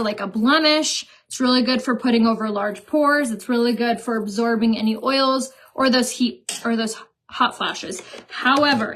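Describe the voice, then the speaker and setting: A woman's voice: a little high, a bit bright. A young woman hosting a live stream, chatting casually and giggling while she sells makeup.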